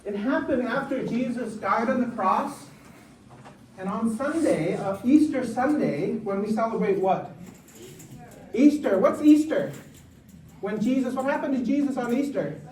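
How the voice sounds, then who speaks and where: Priest teaching kids, slow halting delivery, distant mic in an echoey hall with children. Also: male voice, extremely high pitch, expressive, a little mellow, a little hiss or hum. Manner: slow, halting, with many fillers and restarts. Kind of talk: Lenten lesson for children. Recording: roomy hall, crowd behind, far off.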